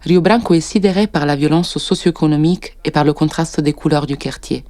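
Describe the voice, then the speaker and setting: A man giving scripted, measured narration about a photograph for an art documentary. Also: fairly high pitch, darkish tone, no echo. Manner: measured, descriptive art commentary.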